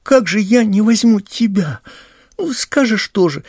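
A young village boy pleads in a raised voice pushed well above the reader's own, as a man reading the audiobook puts him on. A husky, gravelly texture still shows through. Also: high voice, expressive, unhurried, a little mellow, no room sound, studio quality, pitched above the performer's own voice, heavily acted. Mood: indignant.

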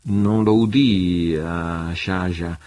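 A man voicing a proud, fierce pirate prince who speaks with a low, muffled intensity. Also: steady tone, very slow, a little mellow. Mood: intense.

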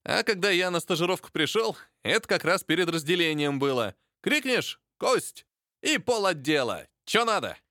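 A man's voice: high voice, sing-song, moderate pace, pushed and bright, no echo, clean studio sound, heavily acted. Actor doing a chatty joking young hunter guy, bouncy storybook voice. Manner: talkative, joking.

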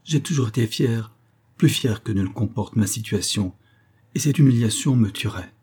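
A proud middle-aged butler, played by a man, pleads in a voice trembling with emotion, his pride cracking into desperation. The tone stays low and husky, with a dark, muffled color. It sounds like a dramatic audiobook reading. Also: moderate pace. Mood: desperate pleading.

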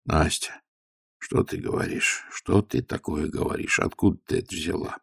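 A man voicing a dignified elderly retired rear admiral who speaks quietly and with calm composure. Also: deep voice, moderate pace, creaky, no echo, clean studio sound, exaggerated voice. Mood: pleading.

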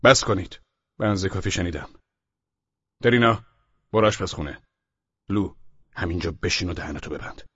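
A man voicing a gruff weary father. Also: low-pitched, expressive, long pauses, a bit bright, muffled recording, pitched below the performer's own voice, heavily acted. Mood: stern. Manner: gruff, commanding. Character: stern weary middle-aged father.

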